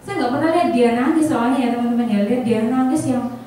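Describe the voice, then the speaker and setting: A woman, an insurance agent telling colleagues a personal story in an animated way, acting out the dialogue and often turning to the audience. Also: high voice, fast. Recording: echoey hall from far off, faint noise.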